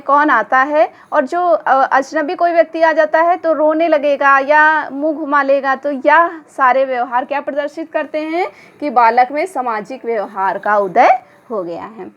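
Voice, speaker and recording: Teacher, female, high voice, lecture delivery, dull lo-fi sound. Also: fairly bright tone. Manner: explanatory, poses questions then answers them. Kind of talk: exam-prep lecture. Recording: dull lo-fi recording.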